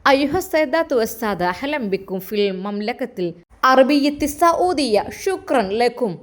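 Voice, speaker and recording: A woman playing a slow, formal flight attendant. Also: sits high, animated. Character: polite female flight attendant on the intercom.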